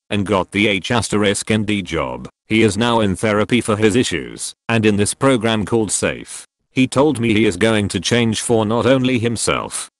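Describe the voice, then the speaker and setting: A man narrating an online post aloud in a steady, even read-aloud delivery, as a channel's voice-over. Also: lowish voice, no room sound, studio quality. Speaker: channel narrator reading posts.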